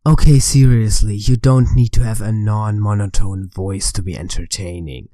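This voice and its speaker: Brief: male commentator, mellow darker tone, dry close recording, sardonic and exasperated. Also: fairly low pitch, moderate pace, no echo. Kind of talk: scripted commentary voice-over.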